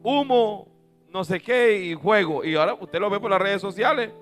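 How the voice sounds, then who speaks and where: A male preacher with a high, bright voice tells stories through a sermon. He swings from booming shouts to soft, offhand asides. A guitar plays faintly behind him. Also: lively intonation, normal speed. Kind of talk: sermon with storytelling.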